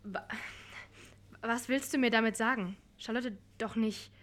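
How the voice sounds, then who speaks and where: A woman voicing a calm production staffer who talks in a quiet, soothing, steady way. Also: a little high, measured pace. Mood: alarmed.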